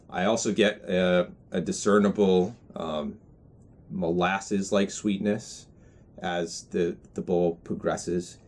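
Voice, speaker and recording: A man in his twenties giving a casual video review in a measured, hesitant way, pausing to find words. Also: deep voice. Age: 20s. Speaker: product reviewer. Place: indoors in a small room with bookshelves.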